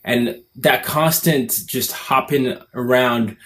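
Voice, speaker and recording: A man's voice: mid-range voice, slow, fairly bright tone. A man in his twenties from Nigeria with an American accent, talking casually to camera in an earnest, reflective way as a summit speaker. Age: 20s. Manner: earnest, reflective, thinks aloud.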